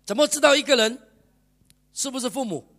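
A male pastor, giving a lively, chatty sermon and keeping the congregation engaged with constant rhetorical questions. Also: extremely high pitch, brisk. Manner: lively, chatty preaching with bursts of laughter. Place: church service.

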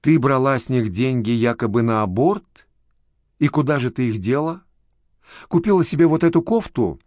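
A man's voice: medium pitch, animated, normal speed, darkish tone, dry recording, clean studio sound, natural voice. A man voicing a young new mother who is emotional, lovesick and desperate, pleading and accusing by turns, in a spoken story.

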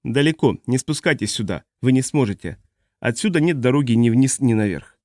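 A man's voice: mid-range voice, expressive, fairly quick, a little mellow, dry recording, studio quality, close to an everyday voice. A man reading the part of a badly injured man hanging from a cliff, speaking in a weary, strained voice. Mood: exhausted. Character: injured man clinging to a cliff, exhausted and frightened.

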